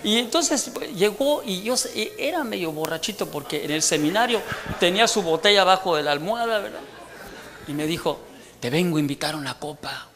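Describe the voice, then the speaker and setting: A man's voice: sits high, animated, a little fast, fairly bright tone. A man in his sixties with a Mexican accent, telling a humorous testimony in a church sermon and teasing the congregation. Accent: Mexican Spanish. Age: 60s. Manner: joking storyteller who teases the congregation. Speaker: preacher giving testimony.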